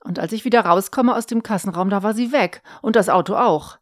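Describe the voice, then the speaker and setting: A sly, sheepish middle-aged husband, voiced by a woman narrator, talking in a hasty, coaxing way. The delivery sits a touch higher and louder than her plain narration. The recording is close and dry. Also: fairly quick, no room sound, natural voice. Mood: wheedling.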